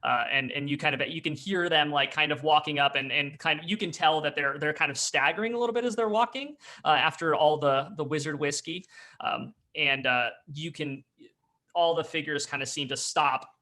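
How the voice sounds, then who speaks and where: A man's voice: on the high side, moderate pace, sharp tone. A man running a tabletop game as game master, narrating with many fillers and restarts. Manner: hesitant, full of fillers, descriptive.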